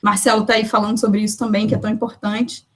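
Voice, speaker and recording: With a medium pitch, little pitch movement and a quick pace, a woman introduces herself as a poet and researcher from Brazil. She's at home on a video call for an online poetry event, chatting warmly, thanking people, and using plenty of fillers.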